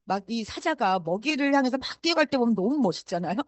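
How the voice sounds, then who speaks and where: A woman's voice: fairly high pitch, expressive, quick pace, darkish tone, no room sound. A woman giving a motivational talk, urging the audience with rhetorical questions and repeated affirming fillers. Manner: emphatic and urging. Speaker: motivational speaker.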